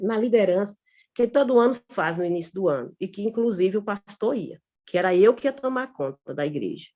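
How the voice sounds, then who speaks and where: A woman's voice: medium pitch, darkish tone. A woman telling a church group about a recent experience, talking informally and animatedly and often calling her listeners brothers and sisters. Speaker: church member giving testimony. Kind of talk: informal spoken testimony. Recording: dull lo-fi recording.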